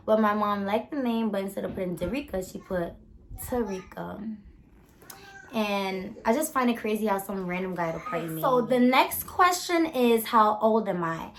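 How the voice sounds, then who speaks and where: A woman's voice: medium pitch, expressive, normal speed, a little hiss or hum. A 21-year-old woman from the Bronx, chatting casually through a Q and A, rambling with lots of fillers. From the Bronx, New York. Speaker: vlogger. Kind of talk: casual Q and A chat.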